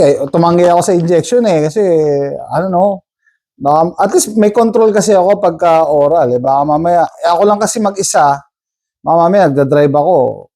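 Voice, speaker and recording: A man with a high-pitched, mellow, warm voice tells a personal story to his viewers. He talks casually and rambles, checking in with a quick "no?" as he goes. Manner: chatty, rambling, tags sentences with "no?". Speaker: vlogger.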